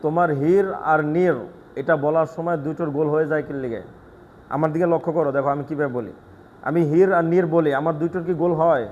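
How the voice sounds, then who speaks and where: A man giving a one-on-one lesson in Quran recitation, explaining pronunciation quickly and patiently, then reciting slowly. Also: fairly high pitch, steady tone, a little mellow, highs cut off, a little hiss or hum.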